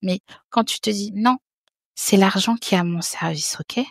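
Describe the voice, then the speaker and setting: A woman's voice: medium pitch, normal speed, creaky, no echo, studio quality. Frank, chatty woman in her thirties. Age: 30s. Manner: frank, chatty, repeats words and restarts. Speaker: podcast guest. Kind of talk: casual conversation.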